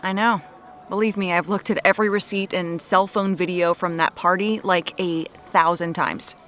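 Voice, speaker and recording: Voicing a stubborn, dryly frank amateur sleuth tracking down whoever killed her sister, this woman sounds thoughtful and probing in a naturalistic audio drama. Her natural voice sits on the low side, a bit bright and steady, at normal speed, with faint music behind her.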